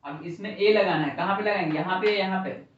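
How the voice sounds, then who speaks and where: Fairly quick and high-pitched, a male English teacher runs a grammar lesson by asking questions and restating the class's replies. It's captured from a distance in an echoey room, and the audio sounds dull.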